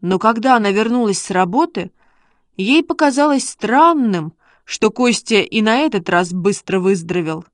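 A woman narrating a children's story in a steady, measured reading. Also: mid-range voice, no room sound, studio quality. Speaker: audiobook reader.

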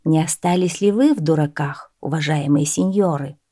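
A woman's voice: low voice, normal speed, mellow, dry recording, clean studio sound. A woman voicing a sly, stubborn male peasant in a storybook reading. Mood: triumphant. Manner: stubborn, cunning, cheerfully boastful.

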